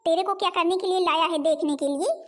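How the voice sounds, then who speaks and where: A woman voicing a nagging, dramatic older mother-in-law who scolds loudly in a homemade cartoon. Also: very high voice, fast. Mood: indignant.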